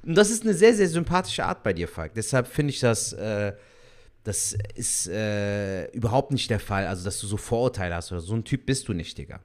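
A young man in casual, slangy podcast chat, animated and friendly toward his co-host. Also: on the low side, a little fast.

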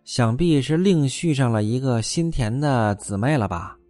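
A man voicing a jealous young concubine, sharp-tongued and pleading, as a storyteller. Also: mid-range voice, lively intonation, normal speed, no room sound, faint music behind, natural voice. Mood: pressing.

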